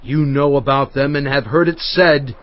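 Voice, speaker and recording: A man's voice: mid-range voice, normal speed, close to an everyday voice. An actor playing Moses, a solemn male prophet exhorting his people in emphatic oratory, in a dramatized scripture reading. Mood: stern, forceful. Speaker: dramatized audiobook reader. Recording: dull audio with faint music bed. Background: faint background music.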